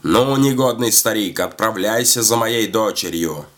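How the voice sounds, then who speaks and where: A man voicing a grumpy old peasant woman in a folk tale, shrill and scolding. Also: a little slow, fairly bright tone.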